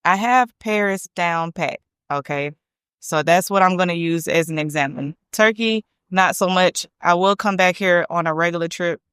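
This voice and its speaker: A woman's voice: fairly low pitch, normal speed, a bit bright, clear, resonant tone, no room sound, clean studio sound. A woman vlogging casually about travel, chatty and repeating points for emphasis. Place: hotel room.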